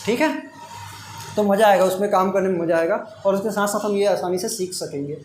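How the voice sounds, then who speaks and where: A man's voice: high-pitched, brisk, darkish tone, soft background music. Man teaching a math class, echoey room. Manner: call-and-response questioning. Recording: echoey classroom with faint hiss.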